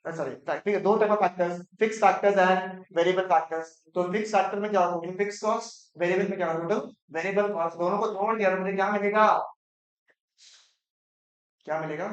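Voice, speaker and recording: In an echoey classroom, a male economics teacher with a high-pitched, steady voice gives a lecture. He's playful and teasing, tossing quick questions to students in a blend of Hindi and English.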